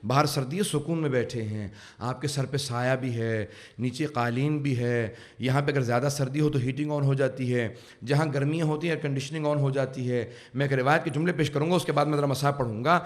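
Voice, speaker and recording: A male cleric giving an emotional sermon at a religious center, telling stories fervently and swelling to loud emphasis. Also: mid-range voice, steady tone. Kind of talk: emotional Urdu majlis sermon.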